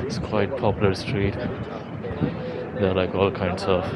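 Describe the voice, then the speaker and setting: Walking through city streets, a young vlogger offers casual, chatty tour commentary, thinking aloud as he goes. His voice sits low, with fairly even intonation and a slow pace. Traffic ambience from the noisy street fills the recording.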